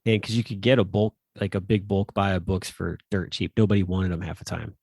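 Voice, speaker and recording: A man's voice: sits low, little pitch movement, brisk, creaky, a little mellow, breathy edge, no echo, clean studio sound. A man co-hosting a casual podcast, telling rambling stories with lots of fillers and restarts. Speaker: podcast co-host. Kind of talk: casual chat.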